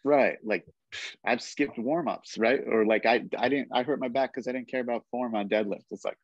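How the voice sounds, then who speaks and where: A man's voice: medium pitch, moderate pace, no room sound, lo-fi sound. A man hosting a podcast and chatting casually, rambling and leaning heavily on "like" as he talks. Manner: rambling, heavy use of "like", relaxed. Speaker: podcast host. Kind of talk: casual interview chat.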